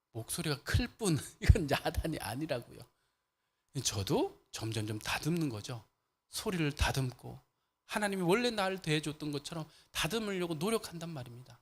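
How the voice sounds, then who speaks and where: A man preaching a sermon as pastor, asking the congregation questions and answering them, moving between loud fervor and soft, lowered speech, with frequent laughs. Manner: laughs often while preaching. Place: church sanctuary.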